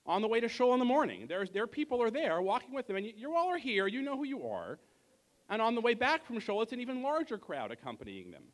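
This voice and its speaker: A man's voice: very high-pitched, huge pitch swings, fast talker. A man giving a heartfelt tribute speech at a banquet, searching for words before handing off the stage. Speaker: banquet emcee. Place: large event hall in a car museum.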